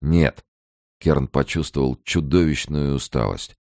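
A male audiobook narrator reads a novel in a grave, measured way. His voice is extremely deep, yet his pitch moves expressively. The recording is dry and close, with no room sound. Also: lively intonation, darkish tone, no echo. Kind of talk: dramatic novel reading.

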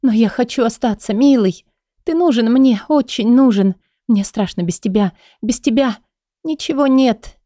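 A woman's voice: on the high side, normal speed, dark tone, no echo, clean studio sound, voice pushed up, natural voice. A woman voicing a young heroine desperately in love, pleading in a raised, emotional voice.

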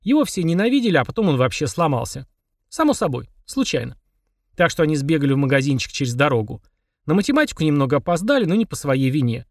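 A man narrating a children's audiobook in a lively, playful manner. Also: a little high, fast talker, no room sound, studio quality.

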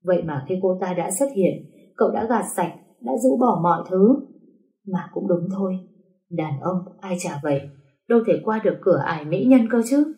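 A woman's voice: on the low side, a little slow, pauses often, darkish tone, roomy sound, close to an everyday voice. A jilted young woman, bitter and near tears, pleading in a rising voice, as a woman reads her. Plaintive and wounded.

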